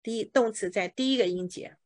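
A woman's voice: fairly high pitch, a little fast. A woman teaching English pronunciation, explaining patiently with everyday examples and drilling words with her student. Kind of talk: pronunciation lesson.

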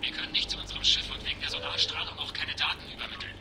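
An actor playing a quarian marine commander cut off by the enemy, reporting in terse, half-whispered military talk over a crackling sci-fi radio link. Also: male voice, a little high, steady tone, racing. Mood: tense. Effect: crackly sci-fi radio transmission. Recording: very noisy, hissing radio comm.

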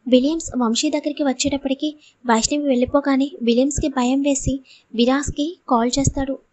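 A woman's voice: high-pitched, fairly even intonation, fairly quick, darkish tone. A woman narrating a serialized audiobook drama with emotional storytelling.

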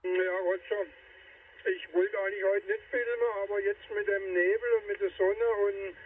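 A man's high voice comes in over CB radio, thin and tinny as if heard from across the room, with a light hiss of static under it. He chats easily, calling the other stations by name and filling his pauses with little hesitations. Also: steady tone, recorded from a distance. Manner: chatty, filler-heavy, calls other stations by name. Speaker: CB radio operator filming the round. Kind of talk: casual radio chat.

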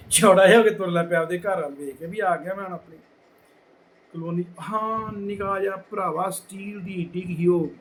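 A middle-aged man with a Majhi Punjabi accent telling a village anecdote casually, acting out the people in it and dropping to hushed tones. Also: high voice, slight background noise, poor audio. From Punjab border region. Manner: lively, acts out quoted people, drops to hushed tones. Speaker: storyteller.

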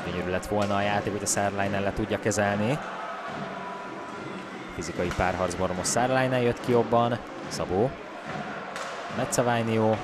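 A man giving excited live ice hockey commentary, his delivery swelling as the play develops. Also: on the low side, long pauses. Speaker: sports commentator. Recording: loud arena noise behind commentary. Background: ice rink ambience.

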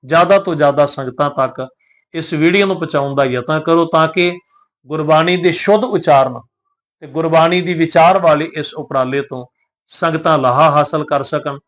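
A man teaching scripture, who chants verses slowly and deliberately and then explains them word by word in a reverent, polite manner. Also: fairly high pitch, a bit bright. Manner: devout and reverent, addresses listeners politely.

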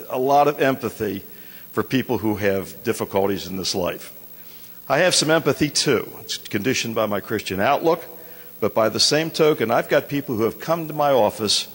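An older man speaks into a handheld microphone in a big indoor hall, and his voice trails off in a long, booming reverb. He talks in a folksy, emphatic way, leaning on "uh" as he finds his words. His pitch sits in an ordinary middle range for a man. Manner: folksy, emphatic, with many "uh" fillers. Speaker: state legislator candidate. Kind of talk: debate closing statement. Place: large indoor community hall. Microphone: handheld mic.

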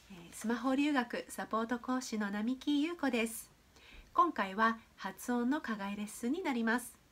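Woman pronunciation teacher, animated intonation, patient and explanatory, lots of filler sounds. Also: a little high. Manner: explanatory, with frequent hesitation fillers.

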